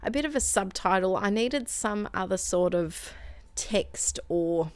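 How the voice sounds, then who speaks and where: An Australian woman narrates a scrapbooking process video in voice-over, rambling, adding asides, and correcting herself as her voice gives out and her throat gets sore. She's the channel's host, speaking at medium pitch with lively intonation, a little slowly, in a darkish tone with no room sound.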